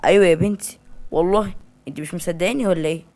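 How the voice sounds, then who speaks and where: A woman's voice: lowish voice, rapid-fire, a little mellow, close to an everyday voice. A woman voicing a protective young man in an Egyptian Arabic accent, earnest and pleading. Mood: insistent.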